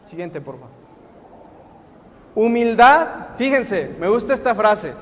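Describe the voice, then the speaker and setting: A young guest preacher delivers a sermon in a church sanctuary, asking the congregation questions and answering them himself. His high, fairly bright voice is very animated and slow, ringing in an echoey hall with long reverb.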